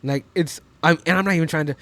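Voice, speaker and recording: A man's voice: on the high side, quick pace, a bit bright. A man in his twenties giving casual, profane reaction commentary at home, chatty and full of slang. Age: 20s. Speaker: reaction streamer.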